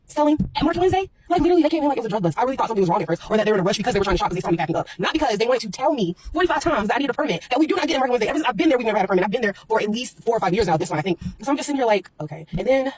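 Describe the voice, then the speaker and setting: Woman, storytime vlogger, very fast, rambling, exasperated, shaken. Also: a little high, expressive, background noise. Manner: rambling, exasperated, full of fillers and restarts. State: shaken, upset. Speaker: market vendor telling a personal story. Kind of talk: storytime vlog, unscripted retelling.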